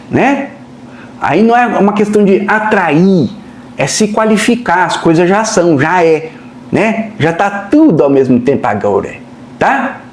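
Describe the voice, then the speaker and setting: A high-voiced Brazilian man giving a channeled spiritual lesson on a live stream. His pitch swings widely, and he is chatty, with a "né?" tacked on again and again. The recording has a roomy echo. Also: slight background noise. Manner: colloquial and chatty, tags lines with "né?"; acts out other people's voices in quotes. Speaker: medium channeling a spirit teacher.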